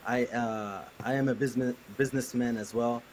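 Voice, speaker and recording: A man's voice: medium pitch, steady tone, moderate pace, darkish tone, low-quality recording. A man from Jordan, raised in the United States, giving plain, somewhat hesitant interview answers over a video call. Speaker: guest developer. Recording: faint ambient noise.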